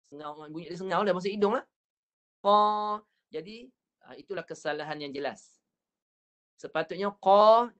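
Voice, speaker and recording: Patient Malay Quran recitation teacher. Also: male voice, on the high side. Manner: patient, repeats points, drawn-out recited syllables. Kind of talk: online Quran recitation class.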